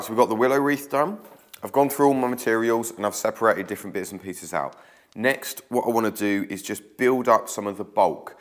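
While his hands keep weaving, a very low-voiced man in his thirties chats his way through a craft tutorial. He's getting over a cold, which makes him sound croaky. A camera set across the table records him in an old stone-walled room.

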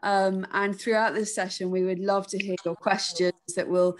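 A woman's voice: mid-range voice, flat delivery, moderate pace. Encouraging woman hosting an online workshop. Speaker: workshop host. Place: living room at home. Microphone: laptop webcam on a video call.

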